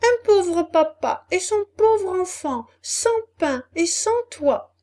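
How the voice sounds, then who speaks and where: A woman voicing a cheeky, excitable puppet boy in a storybook reading, with a high, loud, exclamatory delivery. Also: slow, heavily acted. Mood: pleading.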